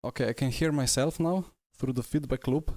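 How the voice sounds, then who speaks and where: Over game car noise, a Slovenian-accented man talks in short, broken bursts while sim racing live, half to his viewers and half to himself, on a wireless headset. His voice is mid-range, slightly fast and a little mellow, and the recording is dry.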